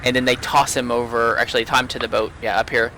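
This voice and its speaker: A man's voice: medium pitch, level tone, bright, forceful tone. A man narrating as game master in a tabletop pirate game, often restarting and repeating words. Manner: halting, repeats words while describing. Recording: noisy home recording.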